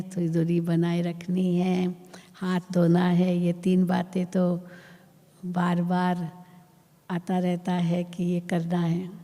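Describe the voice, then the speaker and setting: A woman spiritual teacher giving a sermon and guided meditation, with slow, gentle instruction and long pauses. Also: fairly low pitch. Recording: long hall reverb with soft music.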